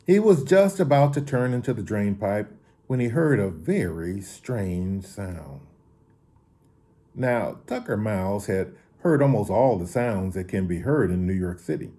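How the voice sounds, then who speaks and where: A man reads a children's story aloud with a warm, mellow voice. His pitch rises and falls expressively, and he sometimes backs up to reread a line. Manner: expressive reading with occasional restarts. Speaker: story reader.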